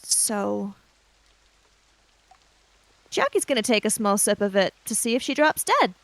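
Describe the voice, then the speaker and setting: Gravelly and unhurried, with big pitch swings, a woman's mid-range voice hesitantly describes her character's moves as a player in a tabletop roleplaying podcast. The audio is poor, with no room sound.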